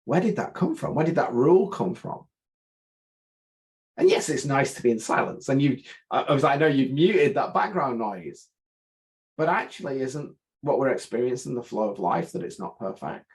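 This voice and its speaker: Male coach guest on a remote call, mid pitch, earnest and reflective, poses rhetorical questions. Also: very animated, normal speed, darkish tone, rough recording. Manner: earnest, rhetorical questions, acts out inner voices. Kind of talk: reflective interview talk.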